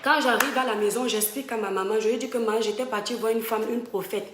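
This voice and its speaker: A woman's voice: fairly high pitch, fairly even intonation, quick pace, heavy background noise. A woman from Cameroon, talking directly and emphatically to online followers as she tells a personal story from home. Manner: emphatic, fond, addresses viewers directly. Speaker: live-stream storyteller. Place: home room. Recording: roomy home echo.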